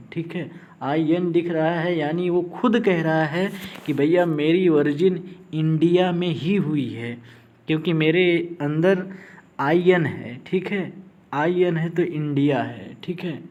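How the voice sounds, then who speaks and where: A man's voice: fairly high pitch, a little mellow, muffled recording. A man teaching a lesson for an agriculture exam, explaining memory tricks. He spells words letter by letter and keeps checking in with his listeners. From India. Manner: repeats "thik hai" often, spells words letter by letter.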